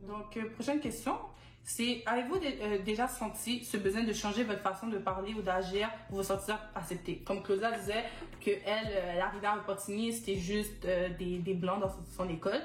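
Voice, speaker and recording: A young woman from Quebec moderates a casual panel discussion as a talk show host, earnestly posing questions and recounting her own experiences. She speaks fairly quickly at a medium pitch with fairly even intonation. The room is echoey, with soft music playing.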